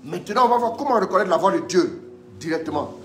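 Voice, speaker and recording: Preaching a live-streamed teaching sermon, a man speaks in a high, sing-song voice at a quick pace, the sound roomy with soft music underneath. He is emphatic and repetitive, urging listeners on while scripture is read aloud.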